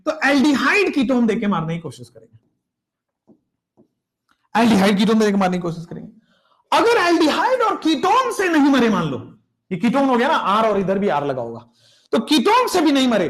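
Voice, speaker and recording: Man, chemistry teacher, animated lecture, very expressive up-and-down voice, playful, repeats mnemonic chants. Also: very high-pitched. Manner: playful storytelling, repeats chants slowly, addresses students as beta.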